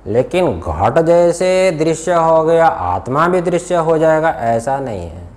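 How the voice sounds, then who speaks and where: A man's voice: a little high, very animated, slow, darkish tone. Male scripture teacher quizzing students. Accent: Hindi-speaking Indian. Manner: questions students, repeats key words. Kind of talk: classroom lesson, explaining a text.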